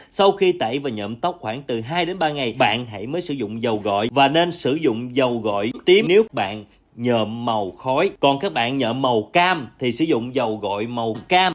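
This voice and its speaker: A young man, a salon owner narrating a chatty, instructive hair-care tutorial over the video. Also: mid-range voice. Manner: chatty, instructive, addresses viewers warmly as family.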